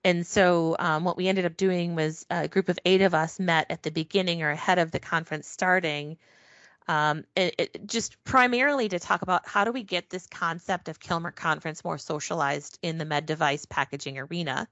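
A woman's voice: on the low side, fairly even intonation, normal speed, fairly bright tone, no room sound, lo-fi sound. A woman guest in a casual interview, chatty and full of ums and restarts, speaking over a call. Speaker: podcast guest, packaging professional.

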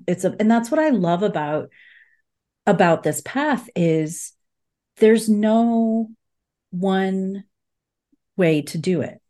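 A woman hosts a casual podcast conversation, asking open, curious questions while searching for words in a halting way full of "like." Her mid-range voice is expressive and mellow.

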